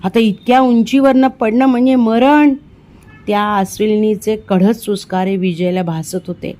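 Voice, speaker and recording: A woman from India reading a children's storybook aloud, performing the dialogue with lively expression. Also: a little slow. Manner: expressive, voices the dialogue with rising pitch in tense moments. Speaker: audiobook reader. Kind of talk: storybook narration.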